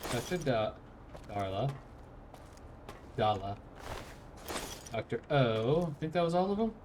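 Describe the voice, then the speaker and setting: Male let's play host: casual, muttering to himself, playful, average pitch, faint noise behind the voice. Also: very animated, unhurried. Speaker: gaming video host.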